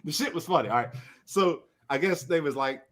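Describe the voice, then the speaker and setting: A man's voice: on the high side, a little fast. A man co-hosting a gaming podcast who tells an anecdote while laughing often. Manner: giggly, animated storyteller. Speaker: podcast co-host. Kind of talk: casual gaming podcast banter.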